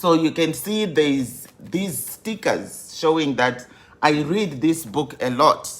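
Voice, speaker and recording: A woman in her fifties, a grief coach hosting a live stream, welcoming viewers over and over in an unhurried way with many fillers. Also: low voice, expressive. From Zimbabwe.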